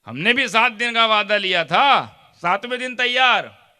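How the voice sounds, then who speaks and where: A man's voice: high voice, lively intonation, measured pace, sharp tone, clear, resonant tone, pitched above the performer's own voice, exaggerated voice. A man playing a confident bookbinder in a parable who dismisses his customer curtly. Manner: confident, curt.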